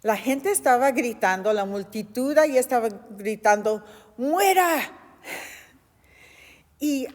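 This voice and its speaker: A woman's voice: mid-range voice, darkish tone, long reverb tail. A woman teaching a Bible study, telling the story expressively and asking rhetorical questions.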